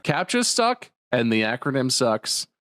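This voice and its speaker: A man's voice: mid-range voice, sing-song, unhurried, a bit bright, dry recording, clean studio sound. A man co-hosting a casual comedy podcast, ranting playfully about pet peeves. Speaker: podcast co-host.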